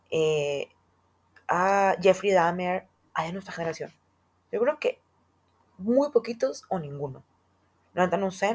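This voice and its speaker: A young woman with a Mexican Spanish accent hosting a casual podcast monologue, full of slang and emphatic asides. Her voice has a husky, breathy texture and sits at a medium pitch. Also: darkish tone. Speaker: podcast host.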